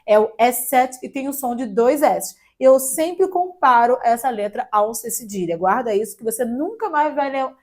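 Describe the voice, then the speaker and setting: A woman's voice: a little high, a little mellow. Chatty Brazilian woman teaching German. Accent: Brazilian Portuguese. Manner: chatty, spells letters out slowly, jokes lightly. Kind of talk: casual online language lesson.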